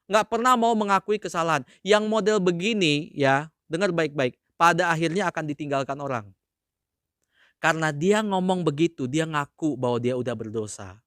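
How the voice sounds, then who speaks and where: Animated male pastor preaching. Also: moderate pace, no room sound, clean studio sound. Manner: animated preaching, mimics excuse-making in a high voice. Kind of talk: sermon.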